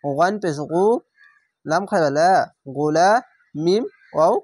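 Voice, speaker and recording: Teacher, man, high voice, dry close sound; spells letters, then chants each word slowly. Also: darkish tone, slightly rough, dry recording. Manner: slow drawn-out chanted recitation between plain explanations. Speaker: Quran recitation teacher. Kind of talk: spelling out and reciting Arabic verses letter by letter.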